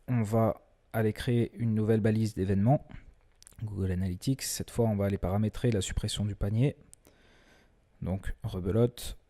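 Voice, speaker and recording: A man presenting a screen-recorded software tutorial in a relaxed, chatty way, often hesitating and restarting his sentences. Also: on the low side. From France. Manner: self-deprecating humor.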